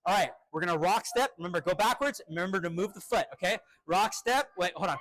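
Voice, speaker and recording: A male fencing instructor running a live drill with crisp, short commands and encouraging words. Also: sits high, fast, a bit bright, a little hiss or hum.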